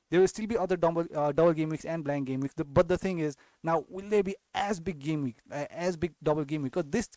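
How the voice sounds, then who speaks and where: The recording is dry, carrying a slightly high, darkish voice of a young man from Nepal. He hosts a fantasy football channel's casual live-stream Q&A, often restarting his sentences and ending them with tag questions.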